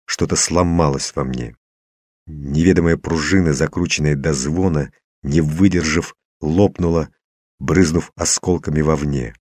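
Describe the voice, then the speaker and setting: A man's voice: a bass voice, fairly even intonation, a little slow, a little mellow, husky, no room sound, clean studio sound. A man narrating a science fiction audiobook in the first person, in a tense, dramatic storytelling manner.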